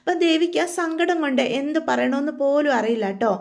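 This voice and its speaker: A woman's voice: high voice, fast, creaky, a little mellow. A woman casually retelling the plot of a TV serial in a chatty way, tagging her sentences with a friendly "you know". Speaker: storyteller recapping a TV serial.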